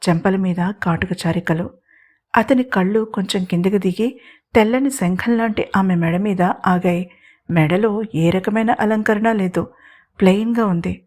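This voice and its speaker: A woman host narrating a romantic audio story in a steady, expressive reading voice. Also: mid-range voice.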